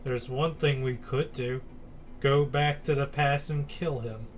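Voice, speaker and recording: A man's voice: medium pitch, steady tone, unhurried, slight background noise. A man watching a friend play a video game, chiming in with dry, teasing remarks. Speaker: co-commentator. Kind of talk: casual gameplay commentary.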